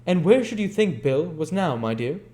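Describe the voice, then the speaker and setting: A man voicing a scheming old male gang master, oily and coaxing but quick to fury. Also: a little high, lively intonation, darkish tone, pitched above the performer's own voice. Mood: wheedling.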